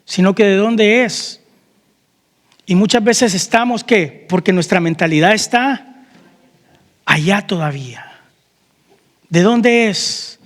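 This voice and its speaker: A man's voice: sits high, slow pace, long pauses, big-room sound. A man preaching a sermon as pastor, asking the congregation questions and calling out amen. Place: church hall.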